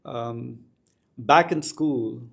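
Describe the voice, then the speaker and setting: A man's voice: medium pitch, very slow, gravelly, fairly bright tone. A middle-aged man with an Indian accent, reflectively telling personal anecdotes as an interview guest in an articulate way. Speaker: podcast guest, school educator.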